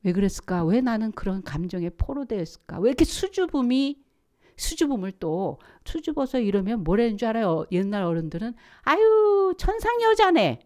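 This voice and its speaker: A middle-aged woman preaches a sermon in a church sanctuary, with a voice in the middle of the range for a woman. Her delivery is animated storytelling. She acts out the voices she quotes and moves from hushed asides to loud, urging calls. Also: mid-range voice. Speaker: pastor.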